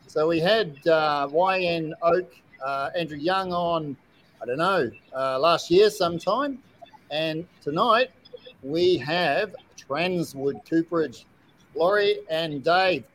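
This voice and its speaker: An Australian man hosts a casual live chat show. His voice sits on the higher side for a man. He is recorded in a shed, with some background noise around him. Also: slow, a bit bright. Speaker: host of an online group chat show.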